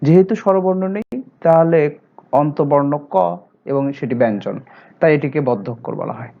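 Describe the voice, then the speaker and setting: A man teaching as a teacher, explaining terms step by step and slowing down for examples. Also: a little high, creaky. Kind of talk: classroom lesson. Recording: dull lo-fi recording.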